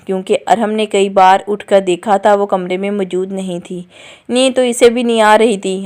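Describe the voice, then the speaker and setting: Smooth-voiced woman narrating a novel. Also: mid-range voice, a little mellow. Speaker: audiobook narrator. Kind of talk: scripted narration of a romance novel.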